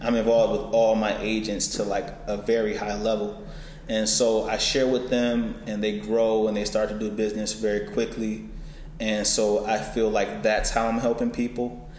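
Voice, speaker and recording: A real estate broker in his twenties chats casually in an interview and laughs often, speaking at normal speed in a fairly low, darkish voice with little pitch movement. He is recorded indoors in an office building, in an echoey room with faint noise.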